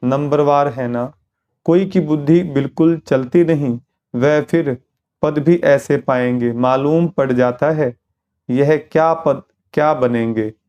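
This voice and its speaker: A man delivering a spiritual sermon at a steady, explanatory pace. His voice sits in an ordinary middle pitch, and he often asks rhetorical questions as he works through the lesson. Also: dull audio. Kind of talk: sermon commentary.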